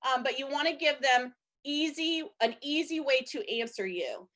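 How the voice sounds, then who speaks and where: Chatty, slightly hoarse woman trainer. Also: high-pitched, normal speed, a bit bright. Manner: chatty, checks in with "okay?" and "you guys". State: slightly hoarse, losing her voice. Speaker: direct sales trainer. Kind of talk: instructional talk to a group.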